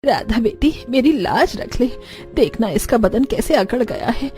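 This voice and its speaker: A woman's voice: on the high side, expressive, measured pace, darkish tone, soft background music. A woman voicing an older grandmother who scolds her daughter-in-law in a cartoon story. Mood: worried. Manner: scolding, indignant. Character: stern older village grandmother, scolding, devout.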